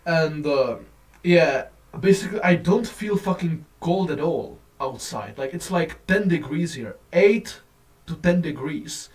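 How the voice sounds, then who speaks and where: Man ranting on a low-quality phone recording. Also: a little slow, distant mic. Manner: profane, rambling, animated. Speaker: vlogger. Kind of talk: casual rant to camera.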